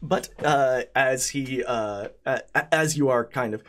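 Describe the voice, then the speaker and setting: A man working as game master, narrating an improvised tabletop game in a halting way, repeating words as he goes. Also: mid-range voice, fairly bright tone.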